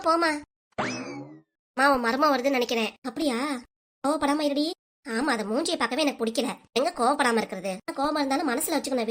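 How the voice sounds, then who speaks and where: Fast, bright-voiced woman in quarrel mode. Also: high-pitched. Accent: southern Tamil Nadu. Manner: sharp, bickering, rapid-fire. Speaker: cartoon voice performer. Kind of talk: quarrelsome family cartoon dialogue.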